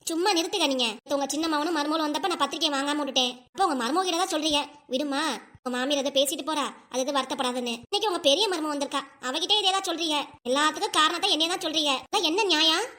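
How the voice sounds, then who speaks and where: A woman voicing a crying grandmother over sixty in a cartoon, scolding her husband rapidly, with a southern Tamil Nadu dialect. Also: sits high, pushed and bright. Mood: tearful scolding. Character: upset old grandmother, wife over sixty. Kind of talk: cartoon voice acting.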